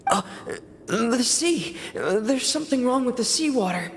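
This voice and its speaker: An actress voicing a young woman in a video game who has just been rescued from the sea, speaking in a soft, hesitant, halting way. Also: fairly high pitch, lively intonation, a little hiss or hum. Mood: urgent.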